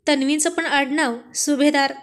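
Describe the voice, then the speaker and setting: A woman reading a story aloud and voicing a jealous, quick-tempered young husband who blusters irritably. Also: sits high, fairly even intonation, natural voice. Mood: irritated.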